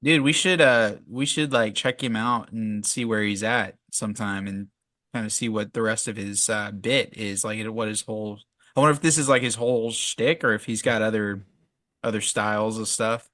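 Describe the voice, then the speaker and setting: A man's voice: lowish voice, fairly even intonation, normal speed, bright, forceful tone, dry recording, studio quality. A man co-hosting a podcast, laid-back and agreeable, chuckling as he chats about a video. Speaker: podcast co-host. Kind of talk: casual reaction chat.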